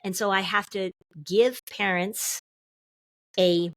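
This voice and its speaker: A middle-aged woman therapist, a guest on a podcast, explaining in an animated way and acting out what her clients say. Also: mid-range voice, slow, no room sound. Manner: animated, acts out quotes from clients. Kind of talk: podcast interview.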